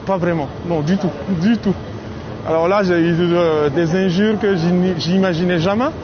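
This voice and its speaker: A man's voice: sits high, steady tone, moderate pace. A man with an accent and rolled r's, a train conductor making playful, jokey announcements and chatting with passengers. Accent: French-speaking accent with rolled r. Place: aboard a moving train. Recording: noisy train carriage, muffled sound.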